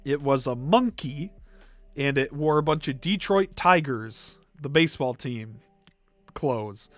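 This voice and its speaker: A man's voice: mid-range voice, animated, takes it slowly, fairly bright tone, no echo, faint music behind. A young man livestreaming, ranking movies in casual chat, rambling with fillers and coughing now and then. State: coughing, throat irritated. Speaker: live stream host.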